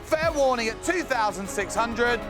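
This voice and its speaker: A man working as an auctioneer, calling bids at a live auction and repeating prices in a steady chant. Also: extremely high pitch, moderate pace. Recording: background music under the voice.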